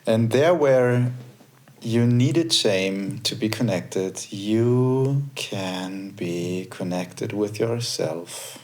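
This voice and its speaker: Slow, thoughtful man with a low voice. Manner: slow, thoughtful, gently affirming. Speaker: podcast co-host or guest. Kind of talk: casual podcast chat. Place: treatment room.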